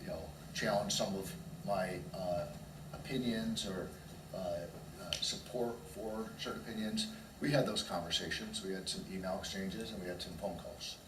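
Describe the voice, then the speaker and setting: A man testifying as an expert witness in court, measured and hesitant with many fillers, in a courtroom recording. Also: sits low, fairly even intonation. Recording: distant echoey courtroom mic with noise.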